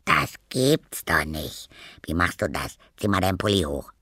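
A man voicing Zippel, a tiny, cheeky ghost who lives in a keyhole, with a squeaky, wondering voice. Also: sing-song, unhurried, bright, forceful tone, breathy edge, dry recording, studio quality, heavily acted. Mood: amazed.

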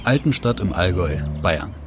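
A man narrating a radio documentary in a measured, descriptive scripted manner. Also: low voice, sing-song, background noise.

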